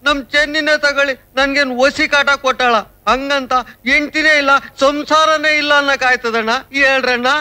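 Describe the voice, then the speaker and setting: A man's voice: extremely high pitch, fairly even intonation, normal speed, few pauses, bright, forceful tone, full character voice. An actor playing a simple-minded, loyal village man who talks in an earnest, rustic, pleading way, in a film comedy scene. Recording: film soundtrack with faint music.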